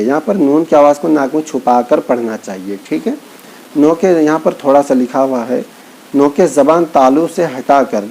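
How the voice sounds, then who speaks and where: Gravelly guy w/ ish teaching quran reading, slow drawn-out syllables, mellow tone. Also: mid-range voice, poor audio. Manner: patient, repeats points, stretches syllables when reciting. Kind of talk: teaching lesson, spelling out letters.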